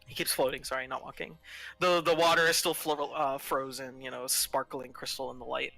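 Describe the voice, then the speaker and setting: Man, game master, casual narration with fillers, bright voice. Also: medium pitch, level tone, fairly quick, gravelly, dry recording, soft background music, poor audio.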